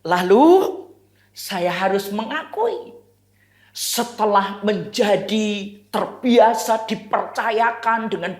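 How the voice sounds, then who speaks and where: A woman pastor with an Indonesian accent preaching a sermon, telling a story with animated, acted-out quotes. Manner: animated storytelling, acts out quoted voices with raised pitch. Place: church. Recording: echoey church hall.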